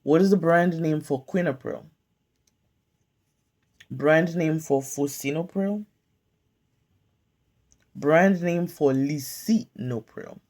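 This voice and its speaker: Here a low-pitched woman runs a slow, mellow quiz on drug names as a pharmacy tech study tutor. Calm and measured, she poses each question and leaves a pause, flashcard-style, while a phone camera films her whiteboard.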